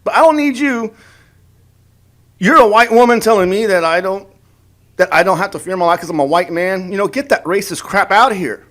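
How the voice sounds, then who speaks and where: Heated and sarcastic, this man rants in his political opinion vlog with a high, slightly fast, somewhat bright voice. He imitates his opponents mockingly and keeps tripping over his words, repeating and restarting them.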